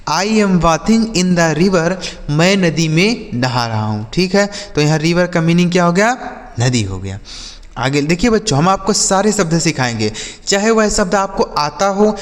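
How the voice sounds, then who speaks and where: Man teaching words slowly, reverberant room. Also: on the high side, big pitch swings. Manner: spells words letter by letter, repeats each example slowly. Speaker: English teacher. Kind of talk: vocabulary lesson for children.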